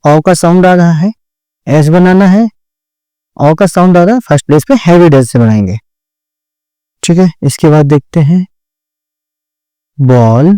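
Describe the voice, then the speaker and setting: A man teaching shorthand step by step, patient and slow, repeating each word and checking that his students understand. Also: a little high, mellow, clear, resonant tone, no echo, clean studio sound. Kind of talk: step-by-step classroom explanation.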